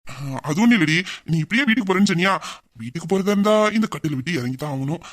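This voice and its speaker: A man's voice: high voice, lively intonation, racing, fairly bright tone. A young man voicing a playful, smug husband in an audio drama, teasing and mock-sad. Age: young adult.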